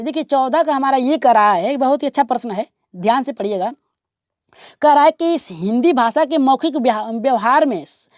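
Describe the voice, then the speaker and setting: High-voiced woman teaching with dry sound. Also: no echo. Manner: explains step by step, repeats answers, asks viewers to reply. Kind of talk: exam-prep lesson.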